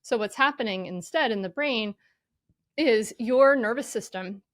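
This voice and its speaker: A woman guest explaining mindful parenting in an earnest, gentle way, often saying "you know". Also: a little high, a little slow, no echo, clean studio sound. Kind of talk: conversational explanation.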